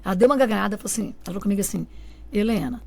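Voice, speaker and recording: A woman's voice: medium pitch, very fast, creaky, a little hiss or hum. A woman telling an emotional personal testimony on a radio show, animatedly acting out what family and friends said. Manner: animated, often acts out the quoted lines of family and friends. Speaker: guest giving a testimony. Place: radio studio.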